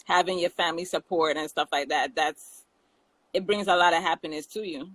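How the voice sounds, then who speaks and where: A woman's voice: fairly low pitch, steady tone, brisk, a bit bright, no room sound, low-quality recording. Laughing Jamaican woman in casual chat. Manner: chatty, laughs often, many restarts.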